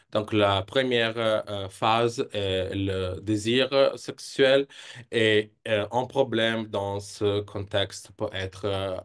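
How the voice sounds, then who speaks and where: A young man with an Italian accent in his non-native French, presenting research hesitantly and searching for words. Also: on the low side. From Italy. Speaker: PhD candidate presenting research.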